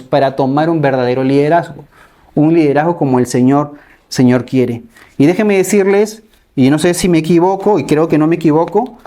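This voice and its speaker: A man's voice: on the high side, mellow. A male pastor, preaching a sermon and keeping his listeners with him through rhetorical questions and repeated tags. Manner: keeps asking rhetorical questions and adding a tag "¿no?".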